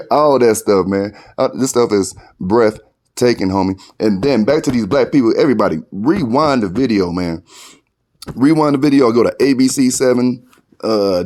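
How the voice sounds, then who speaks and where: A man co-hosting an online commentary show, ranting with an indignant, slangy delivery. His voice sits at an ordinary middle pitch for a man, and his talk stays loose and conversational. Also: a little mellow. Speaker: co-host. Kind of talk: casual commentary rant.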